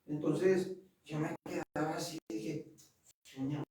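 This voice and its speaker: A man's voice: high-pitched, moderate pace, a little mellow. A male pastor with a Mexican accent, preaching conversationally and asking the congregation rhetorical questions. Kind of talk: sermon. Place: church hall. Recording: very echoey hall, far from mic.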